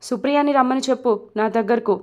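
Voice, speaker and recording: A woman voicing a calm young male friend who scolds and patiently explains, read in a storybook. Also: high voice, fast talker, natural voice. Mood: reproachful. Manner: reproachful, explaining.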